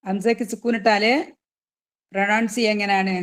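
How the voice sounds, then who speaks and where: A woman teaching a tajweed class, patiently explaining rules and asking students questions, drawing out recited examples slowly. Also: medium pitch, flat delivery.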